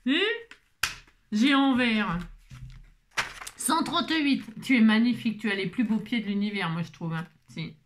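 A woman's voice: a little high, measured pace, long pauses, a little hiss or hum. A woman vlogging casually while opening craft mail at her table at home, chatty and playful, gushing over every item.

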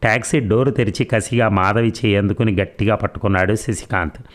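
A man reads a romance novel aloud in steady, even narration. His voice is on the low side, plain and unhurried. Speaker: audiobook narrator. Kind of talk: novel reading.

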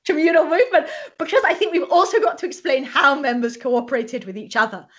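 A woman's voice: high voice, animated, fairly quick, bright, forceful tone. A woman hosting an academic interview, asking probing, long questions and often restarting her words. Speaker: host, interviewer.

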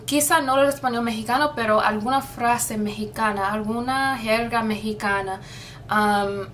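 A woman's voice: a little high, fairly bright tone, far from the mic, a little hiss or hum. A young woman vlogging casually about learning a language, chatty and easygoing, slipping in English fillers like "so" and "like".

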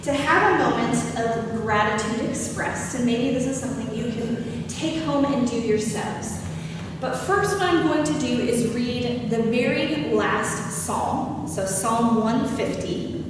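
A woman's voice: on the high side, a little slow, few pauses. A young woman pastor giving a conversational sermon, chatting with and questioning her congregation. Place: church sanctuary. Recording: echoey hall from far off, noisy.

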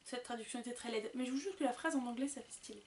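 An excitable young woman from France chats through an unboxing in a high, bright voice. She is loose, chatty and quick to swear. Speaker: booktuber. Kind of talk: casual unboxing chat.

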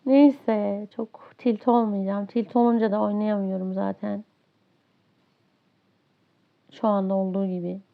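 A woman's voice: medium pitch, steady tone, takes it slowly, creaky, pauses often. A woman commentating her own online match, ranting with exasperation about a teammate who won't play. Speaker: gaming streamer. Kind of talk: live gameplay commentary. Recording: dull lo-fi audio.

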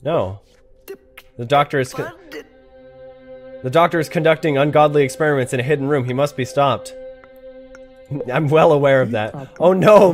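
A man commentating a game, reading its cards aloud and reacting with laughs and swearing. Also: medium pitch. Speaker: gamer. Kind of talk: let's play commentary.

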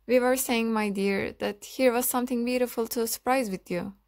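A woman's voice: on the high side, steady tone, normal speed, a little mellow, no echo, close to an everyday voice. Woman reading gushing older society aunt, theatrical, audiobook. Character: effusive older society aunt, grandly sentimental.

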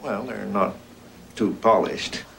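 A man's voice: lowish voice, slow pace, gravelly, fairly bright tone, heavily acted, poor audio. Friendly joking principal, middle-aged guy, bit of noise. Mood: amiable. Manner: chatty, self-deprecating, laughs easily. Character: genial middle-aged male school principal. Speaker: school principal.

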